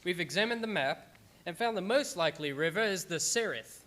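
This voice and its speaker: A man's voice: high voice, animated, brisk, fairly bright tone. An actor playing a grave young Englishman who reads his journal aloud in a radio drama. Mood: urgent. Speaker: actor narrating. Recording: music bed under live-streamed performance.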